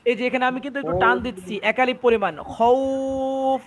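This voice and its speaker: Brief: male Quran tutor, Bangladeshi Bengali accent, high voice, patient, repeats each rule. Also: fast, a loud crowd. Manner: patient, repeats points, drills students. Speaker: Quran recitation teacher. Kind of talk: online class teaching.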